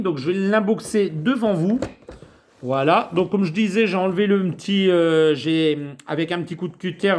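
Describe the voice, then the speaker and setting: A man chatting casually as he unboxes a collectible figure, rambling with many fillers. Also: sits high. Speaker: toy collector vlogger.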